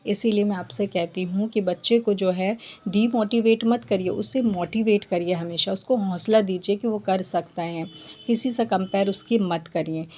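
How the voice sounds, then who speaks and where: A woman vlogger giving earnest parenting advice, talking in a steady instructive way and repeating her points for emphasis. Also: medium pitch, moderate pace. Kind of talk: earnest advice talk to camera.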